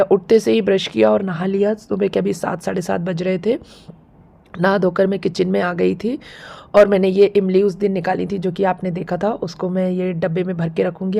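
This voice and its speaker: Woman with a scratchy sore throat, flat even tone, just chatting thru her vlog. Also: mid-range voice. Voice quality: gravelly, husky. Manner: homely, chatty, explains step by step. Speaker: home vlogger. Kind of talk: casual chatty vlog narration.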